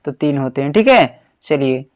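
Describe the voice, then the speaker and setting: A man's voice: a little high, expressive, normal speed, darkish tone. Man quizzing students on grammar. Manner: quizzes himself with a question, then repeats the answer; calls the listener "babu", sounds out syllables. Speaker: teacher. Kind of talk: exam-prep lesson.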